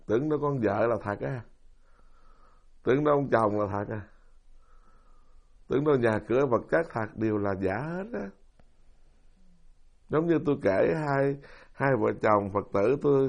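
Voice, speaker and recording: A middle-aged Buddhist monk with a Southern Vietnamese accent gives a dharma talk, his gravelly, mid-range voice weaving stories and throwing rhetorical questions at his listeners. The recording is dull and lo-fi.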